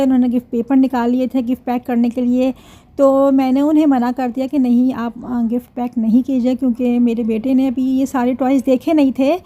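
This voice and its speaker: A woman's voice: high-pitched, dark tone. A woman, narrating her family vlog chattily and talking to her viewers. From Pakistan. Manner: chatty, laughs often, addresses viewers. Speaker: vlogger.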